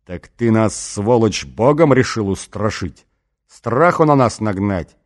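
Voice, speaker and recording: A man voicing a brutal, drunken male gang boss in an audiobook, shouting and snarling threats. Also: medium pitch, animated, moderate pace, lightly acted. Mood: furious ranting. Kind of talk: audiobook character voice.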